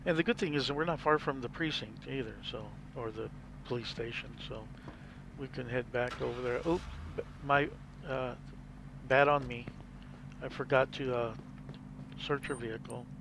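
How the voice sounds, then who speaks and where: A man's voice: medium pitch, steady tone, normal speed, vocal fry, long pauses, noisy background. A man hosting a gameplay video, explaining casually and rambling as he plays. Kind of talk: casual game commentary.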